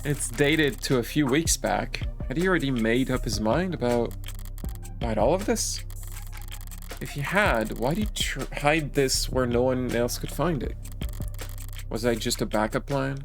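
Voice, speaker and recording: A man streaming a story game, talking along to the scenes with a wry, dry humor. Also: mid-range voice. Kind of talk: casual game commentary and read-along.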